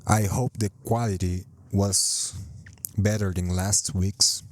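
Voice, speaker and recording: Low and steady, this man speaks slowly on a dry recording of his solo home podcast. He wanders off topic, puts himself down, swears plenty and goes over the same points, working close to a home mic that's sometimes overly near.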